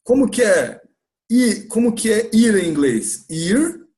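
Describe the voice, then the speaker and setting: A man's voice: sits high, big pitch swings, takes it slowly, darkish tone. A man with a Brazilian Portuguese accent teaching an English grammar class in a church classroom, patiently questioning students and repeating points.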